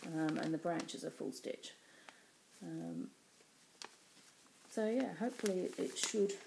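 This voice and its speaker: Her low, vocal-fried voice comes through a close built-in webcam mic against a noisy background as she chats on her home craft vlog. She's an English cross-stitch vlogger in her thirties, rambling with plenty of ums in a small indoor room.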